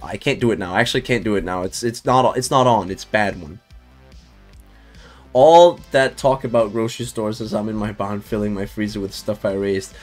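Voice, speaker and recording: A man's voice: on the low side, moderate pace, soft background music. A man casually chatting with viewers while streaming a game, loose and talkative, swearing and laughing now and then.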